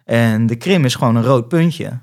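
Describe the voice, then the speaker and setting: A young man from the Netherlands sits in as a podcast guest, telling a long story in a loose, conversational way. His voice sits mid-range, and he slips into quick impressions when he recounts phone calls. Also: mid-range voice, a little mellow. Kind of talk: casual storytelling chat.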